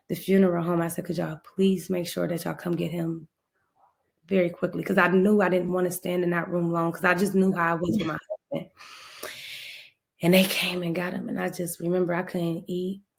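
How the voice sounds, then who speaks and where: Podcast guest, woman, middle-aged, from ohio, gravelly voice, tells her story and acts out the quotes. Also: lowish voice, level tone, fairly quick. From Ohio, USA. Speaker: podcast guest, speaker and author. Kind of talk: emotional personal storytelling.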